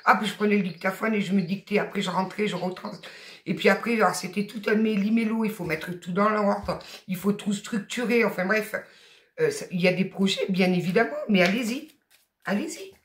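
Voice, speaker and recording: A fairly bright, middle-pitched voice with a Southern French accent gives a tarot guidance reading, steady in tone and a little fast. The reader sounds emphatic, chatty, and encouraging, drops blunt asides, and echoes around the room.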